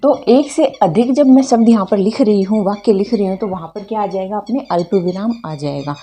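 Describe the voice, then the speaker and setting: A woman's voice: mid-range voice, brisk, dark tone, husky. A woman teaching a grammar lesson for exam preparation. She asks the viewers questions and answers them herself, repeating the key points.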